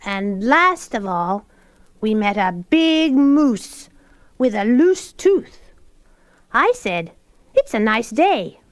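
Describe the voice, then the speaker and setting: A woman's voice: on the high side, big pitch swings, takes it slowly, pauses often, exaggerated voice. A woman voicing a cheerful little boy puppet who tells a story with giggles and a sing-song lilt, on a children's record. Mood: storytelling. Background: children's music.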